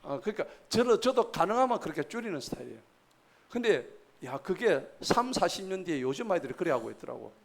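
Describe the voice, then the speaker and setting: Guy in his 60s preaching at church, kinda high voice, jokey, keeps asking the crowd questions. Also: sing-song, quick pace, gravelly. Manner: folksy, joking, quizzes the congregation. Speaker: pastor. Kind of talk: sermon. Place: church service.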